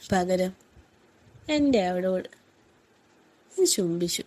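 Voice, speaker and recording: Lady reading a story out loud, soft and slow, kinda dark mellow voice. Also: medium pitch. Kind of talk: scripted first-person story reading.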